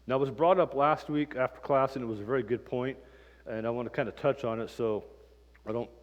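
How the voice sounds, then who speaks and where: Relaxed man teaching a church class. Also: medium pitch, brisk, highs cut off. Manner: relaxed, conversational, many ums and uhs. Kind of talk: casual Bible lesson with personal storytelling. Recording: reverberant church room.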